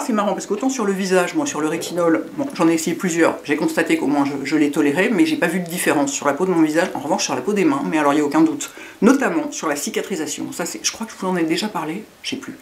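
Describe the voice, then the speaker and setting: A middle-aged woman with a lisp and slushy s sounds, chatting casually in a rambling, self-mocking way as a beauty vlogger. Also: lowish voice.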